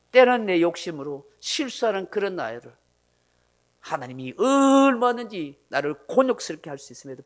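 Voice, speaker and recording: A man's voice: on the high side, creaky. A male pastor preaches a sermon emphatically, with many rhetorical questions. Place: church.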